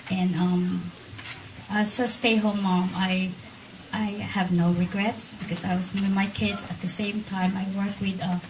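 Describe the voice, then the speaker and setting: A middle-aged woman giving an unscripted installation speech, pausing often with ums. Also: fairly low pitch. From Philippines. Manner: hesitant, many ums, unscripted. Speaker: incoming board member. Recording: distant mic in a hall, faint noise.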